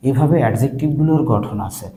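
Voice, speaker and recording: A man explaining English grammar in Bengali, speaking slowly with pauses and spelling words out letter by letter. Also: medium pitch, warm tone, roomy sound, poor audio. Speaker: English teacher.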